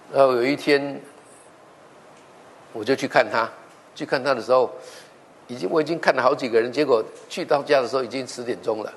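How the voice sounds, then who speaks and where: A man, preaching as a pastor and telling a story, acting out the dialogue with lively swings in his voice. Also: medium pitch, big-room sound. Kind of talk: sermon storytelling.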